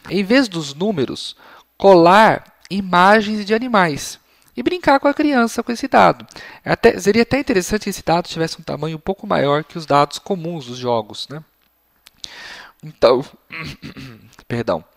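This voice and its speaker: Man, language teacher, patient explanations, somewhat high voice, slightly hoarse, clears throat a lot. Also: dry recording, studio quality. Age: adult. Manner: patient and explanatory, models phrases slowly. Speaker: Latin teacher for parents of young children. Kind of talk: explanatory lesson.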